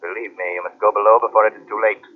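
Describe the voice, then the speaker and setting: An actor playing a mysterious unseen vigilante, grave and commanding, with measured, theatrical delivery in an old-time radio mystery. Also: male voice, on the low side, flat delivery, natural voice. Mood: urgent warning. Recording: tinny, phone-like old radio recording.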